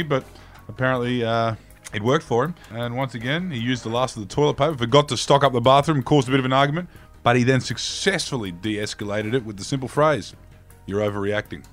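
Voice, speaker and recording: A Queensland Australian man with a medium-pitched voice co-hosts a satirical bulletin. He is dry and colloquial, delivering absurd news deadpan. Faint music plays behind him. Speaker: co-host of satirical news show. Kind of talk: deadpan mock-news banter.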